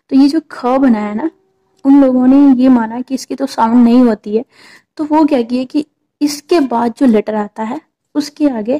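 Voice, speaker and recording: A woman's voice: high-pitched, warm tone. A woman patiently explaining English pronunciation to viewers, repeating points and checking in with them. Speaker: teacher.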